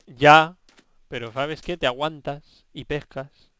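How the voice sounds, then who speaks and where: A young man with a Spain Spanish accent, giving let's play commentary, excitable and swearing while bantering with game characters. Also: mid-range voice, normal speed, smooth. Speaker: gaming video host.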